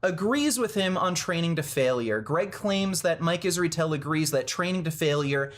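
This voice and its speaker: A man's voice: on the high side, lively intonation, normal speed. A man speaking to camera in a blunt, combative commentary on a fitness dispute. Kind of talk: casual commentary video.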